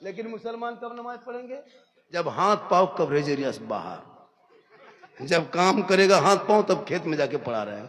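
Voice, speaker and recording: High-voiced preacher in his fifties. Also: very animated, normal speed. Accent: Jharkhand regional Hindi. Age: 50s. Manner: swings between loud declaiming, sing-song chanting and joking asides. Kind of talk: humorous sermon at a religious gathering. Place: religious gathering.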